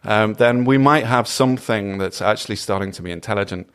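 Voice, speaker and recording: A man's voice: fairly low pitch, a little fast, a bit bright, clean tone. A British man answering interview questions casually, thoughtful and hedging, with self-deprecating humour. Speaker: podcast guest, causal inference researcher.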